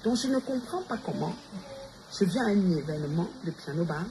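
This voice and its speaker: In a noisy Montreal setting, a defiant woman with a lowish, expressive voice rants on a livestream at a moderate pace. She confronts her rivals head-on, challenging them again and again.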